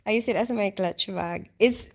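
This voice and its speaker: At a normal speed, a woman with a mid-range voice, heard over slight hiss or hum, chats on a casual evening live stream from home. She's from the Philippines, reads viewer comments out loud, fills her talk with ums and small laughs, and sounds sleepy and fatigued.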